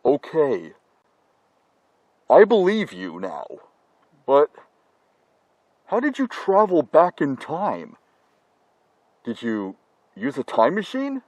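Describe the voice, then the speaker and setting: Guy doing a slow dumb masked killer, low mumbly drawl, kinda husky, dry sound. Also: wildly swooping pitch, a little mellow, no room sound, heavily acted. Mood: puzzled. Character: naive young masked slasher, slow and dim. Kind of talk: comedy parody sketch.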